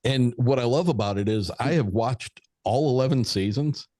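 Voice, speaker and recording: A man's voice: mid-range voice, moderate pace, a little mellow, dry recording. A man chatting casually as a panelist on a podcast. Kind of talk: casual chat.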